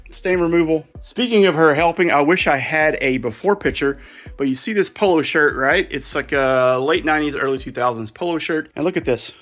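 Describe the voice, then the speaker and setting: A man's voice: medium pitch, fairly bright tone. A man casually talking through a pile of resale clothes, chatty and a little out of breath. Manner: chatty, thinking aloud while sorting clothes. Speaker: resale vlogger. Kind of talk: casual vlog commentary.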